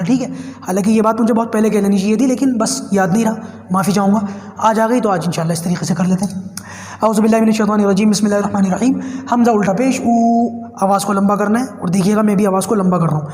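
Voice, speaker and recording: A man teaching Quran reading, drawing out each syllable in slow spelling drills between quick explanations. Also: high voice, a little mellow, echoey room, big-room sound. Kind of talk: spelling lesson for learners.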